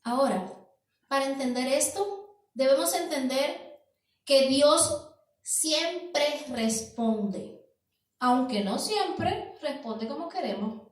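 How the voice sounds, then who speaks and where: A woman preaches slowly and deliberately in a high voice, repeating key words and asking rhetorical questions. Her sermon rings through a large church hall, caught from far off with heavy echo. It is an evening church service. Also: expressive.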